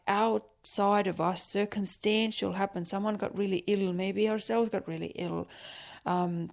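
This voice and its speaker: A woman's voice: mid-range voice, vocal fry, a little mellow. A woman hosting a solo motivational podcast, talking earnestly and encouragingly with lots of "like" and "um" fillers. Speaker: podcast host.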